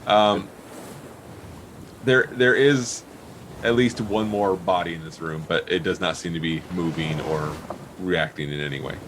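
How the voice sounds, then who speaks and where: Male game master, low and unhurried, halting tabletop narration over faint sea ambience. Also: background noise.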